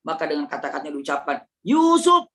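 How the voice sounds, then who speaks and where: A man telling a religious story as a lesson, lively and dramatic, often asking questions. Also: fairly high pitch, moderate pace, distant mic.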